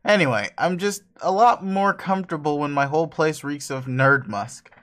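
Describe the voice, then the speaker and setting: A man doing a deadpan, teasing odd girl. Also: fairly high pitch, normal speed, lightly acted.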